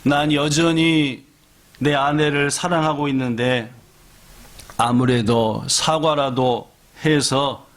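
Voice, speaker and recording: A man's voice: medium pitch, steady tone, takes it slowly. A man doing an old husband's voice. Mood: regretful musing. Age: older. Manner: shouting back, then quietly regretful. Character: old husband, stubborn then remorseful. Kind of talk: sermon storytelling.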